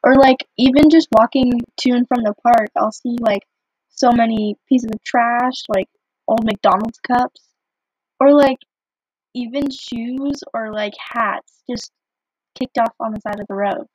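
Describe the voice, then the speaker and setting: A woman co-hosts a podcast in a slightly high, husky voice, chatting casually and saying "like" a lot. She comes through a low-quality phone line that sounds muffled and dry. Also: unhurried, darkish tone, no echo. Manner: chatty, fills with "like". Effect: low-quality phone recording. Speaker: podcast co-host. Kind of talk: casual scripted podcast chat.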